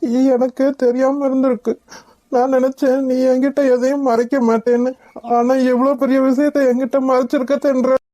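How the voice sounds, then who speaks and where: A woman's voice: high voice, flat delivery, moderate pace, mellow, lightly acted. A woman voicing a shaken husband in a cartoon, pleading and grieving. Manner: sorrowful, pleading. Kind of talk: Tamil cartoon voice acting.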